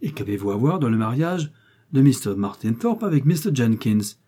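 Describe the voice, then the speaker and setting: A proud young baronet who bristles easily, read by a man. His stiff, indignant words come in a mellow, husky voice. He sounds like a figure from a period storybook. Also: mid-range voice, very animated, normal speed. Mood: impatient.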